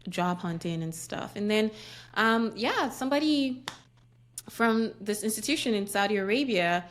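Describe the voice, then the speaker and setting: A woman's voice: mid-range voice, lively intonation, moderate pace. A woman from Nigeria, a podcast guest chatting and telling her story with frequent ums and restarts. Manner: thoughtful, with many ums and restarts. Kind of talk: casual interview chat.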